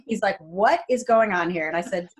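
A woman from New Jersey tells stories about her family, playing the voices of relatives as she goes. She speaks over a video call with a webcam from a room at home, and her pitch sits in the middle of the usual range. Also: fairly quick. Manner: animated storyteller who acts out quoted family members. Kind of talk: casual faith interview.

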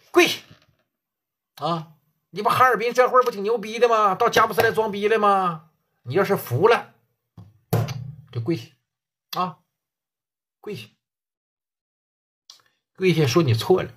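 A man's voice: high-pitched, expressive, unhurried, pauses often, pushed and bright, slightly rough, voice pushed up, heavily acted. A man voicing a swaggering male gang boss who taunts and bosses around a rival. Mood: domineering. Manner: taunting, bossy and crude. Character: swaggering middle-aged male gang boss, mocking and domineering.

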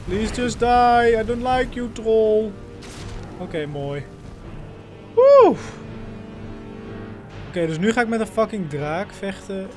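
A man giving playful, excitable let's-play commentary, talking to his in-game companion. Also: high voice, normal speed, faint music behind. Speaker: gaming channel host.

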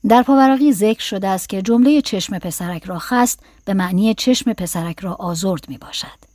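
Woman reading a short story slow and calm, dry close sound, mid voice. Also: mid-range voice, no room sound. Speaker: narrator. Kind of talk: scripted audiobook narration.

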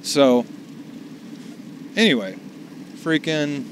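A man's voice: a little high, expressive, very slow, background noise. A man chatting casually to the camera while driving for food deliveries, rambling and salty. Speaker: delivery driver vlogger. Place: in a car.

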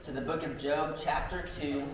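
A man's voice: on the high side, fairly even intonation, moderate pace, a crowd in the background. A young man preaching a casual sermon, telling stories with many ums and likes. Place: church sanctuary. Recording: very echoey church hall, distant mic.

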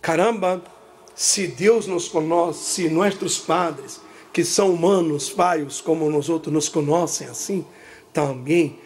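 A woman preaching in church, telling a family story with lively voices for each person, and repeating herself for an interpreter. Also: sits low, takes it slowly, a little hiss or hum. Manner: animated storytelling, jumps between two languages, acts out family members. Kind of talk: sermon with live interpretation.

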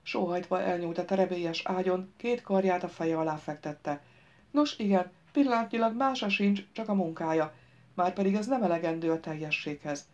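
Low-voiced woman reading an audiobook. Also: darkish tone, lo-fi sound. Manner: measured storytelling, voicing characters in dialogue. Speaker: audiobook narrator. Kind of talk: scripted audiobook narration.

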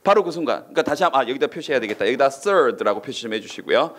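A man teaching an online English exam-prep lecture, firing quick questions at his students and acting out reactions with silly voices. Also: mid-range voice, animated, a bit bright.

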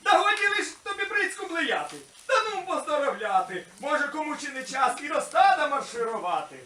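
Shrill, bossy shepherd puppet. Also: male voice, sing-song, fairly quick, sharp tone, full character voice. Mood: bossy, hearty. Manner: high-pitched puppet voice, hearty and commanding. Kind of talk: vertep puppet theatre acting. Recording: echoey far-off hall recording, faint noise.

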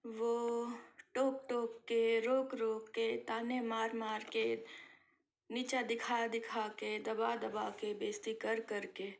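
Gravelly, fairly high-voiced middle-aged woman. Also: little pitch movement, slow. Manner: reflective, with emphatic repetition and soft half-whispered phrases. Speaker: vlogger sharing life advice. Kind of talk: heartfelt personal talk to camera.

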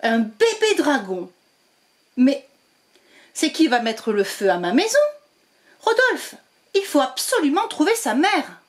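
A high, flustered storybook witch, quick to exclaim, as a woman reading aloud puts her on. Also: big pitch swings, a little mellow, heavily acted. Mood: fussing. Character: excitable fussing adult witch woman.

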